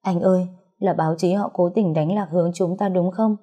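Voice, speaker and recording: A woman's voice: lowish voice, fairly even intonation, brisk, dark tone, lightly acted. A woman voicing a grief-stricken young pregnant woman who pleads through sobs. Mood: grieving, pleading. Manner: sobbing, pleading.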